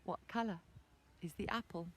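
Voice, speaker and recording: A woman voicing a calm, knowing mother in a hushed tone. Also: fairly low pitch, moderate pace, slightly rough, no echo.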